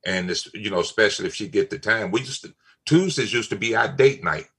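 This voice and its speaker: A man's voice: lowish voice, brisk, gravelly, fairly bright tone, slightly rough. An older man, talking in a casual family chat, emphatic and repeating his key phrases. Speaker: father on a family talk show.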